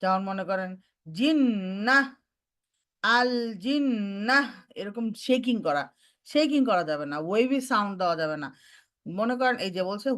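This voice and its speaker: A woman teaching Quran recitation, mixing in English terms and demonstrating each sound slowly. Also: mid-range voice, a bit bright. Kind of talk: online recitation lesson.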